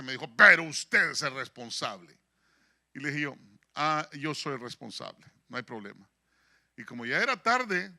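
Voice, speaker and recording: A man preaching in a church, telling a story. His voice sits high and sounds sharp and forceful. He acts out every quoted line of the dialogue. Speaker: pastor. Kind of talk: sermon with storytelling. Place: church in San Diego.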